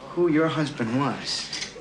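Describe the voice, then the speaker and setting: An actor playing a hesitant benefits clerk who halts and apologizes while breaking bad news, heard from a worn tape copy of a film. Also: male voice, mid-range voice, expressive. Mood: apologetic. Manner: halting, apologetic. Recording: hissy worn videotape film clip.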